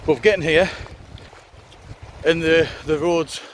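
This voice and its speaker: A hiking vlogger whose voice is slightly higher than average chats to camera unhurriedly and in a steady tone as he walks a wet, windy trail. He's wry and laid-back and swears a bit, and the outdoor recording picks up noise and wind.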